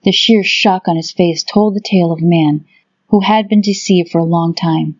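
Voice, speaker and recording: Low-voiced woman narrating fantasy. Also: steady tone, normal speed, darkish tone, muffled recording. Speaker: audiobook narrator. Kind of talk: scripted dramatic fantasy narration.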